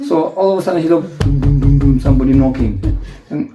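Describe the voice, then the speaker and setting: A male spiritual teacher, telling stories in a sermon with frequent laughter and animated acted-out voices. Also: medium pitch, fast, highs cut off, loud music behind the voice. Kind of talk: storytelling sermon. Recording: echoey lecture hall.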